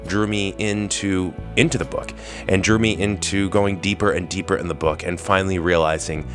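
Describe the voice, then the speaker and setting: A man hosting a podcast in an informal, effusive way, sick and hoarse with his voice giving out. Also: low-pitched, fairly even intonation, normal speed, music in the background. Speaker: podcast host. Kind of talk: conversational podcast introduction and interview.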